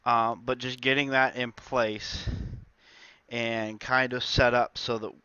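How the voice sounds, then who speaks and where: A man with a slight cold, stuffed up, chats casually through his game developer diary, using lots of filler words. His mid-range voice is level, slow, sharp, clear and resonant. The recording has no room sound but comes across muffled.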